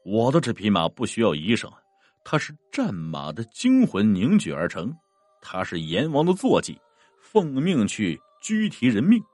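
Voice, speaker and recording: A man's voice: lowish voice, huge pitch swings, a little mellow, no room sound, heavily acted. A man voicing a grim underworld ghost general. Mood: grave. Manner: slow, grave and commanding. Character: cold stern male ghost general from the underworld.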